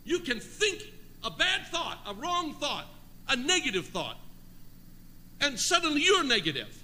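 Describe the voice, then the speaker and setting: A man's voice: very high voice, big pitch swings, unhurried, sharp tone, slight background noise. An older man preaching a sermon to a congregation, calling out to them for answers and shifting between homely stories and fervent appeals. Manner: preaching with rising fervor, asks the congregation for responses. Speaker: pastor. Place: church sanctuary before a congregation. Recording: live church sound with long hall reverb.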